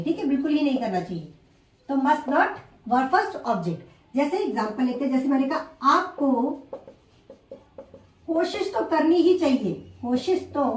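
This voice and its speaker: A woman teaching an English grammar lesson, explaining slowly and repeating each example word by word. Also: high voice, a little mellow. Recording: echoey room, far from the mic.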